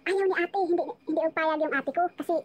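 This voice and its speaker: High, fast-talking woman telling her story. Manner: rambling, emotional, with frequent restarts. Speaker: storyteller on a live chat. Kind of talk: casual life-story telling.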